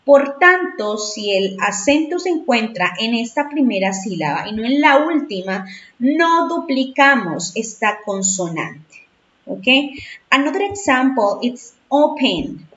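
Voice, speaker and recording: A woman explains English grammar in a slow, patient way, often asking her class if they follow. Her voice is a little high and sounds distant in an echoey room. The recording is dull and lo-fi. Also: big pitch swings, a bit bright. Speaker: English teacher. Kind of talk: bilingual grammar lesson.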